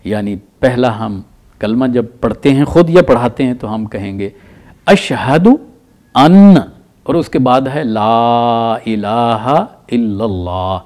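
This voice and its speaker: A middle-aged man teaching recitation rules, explaining slowly and repeating examples with drawn-out chanted words. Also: mid-range voice, animated, a little mellow. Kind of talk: tajweed lesson.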